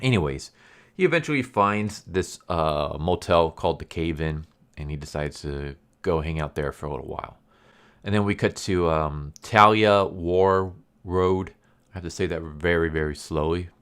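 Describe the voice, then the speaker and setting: Deep-voiced man who says w for r. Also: clean tone. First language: a language other than English. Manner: says w for r, slows down on r sounds; stumbles over words. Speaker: comic book reviewer. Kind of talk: casual rambling review.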